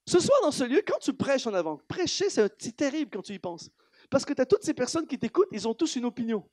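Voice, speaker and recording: A guest preacher speaks fast in a high voice with a Canadian French accent, pressing his congregation with rhetorical questions during an animated, emphatic sermon in a church hall. The recording is close and dry, with barely any room sound and no echo.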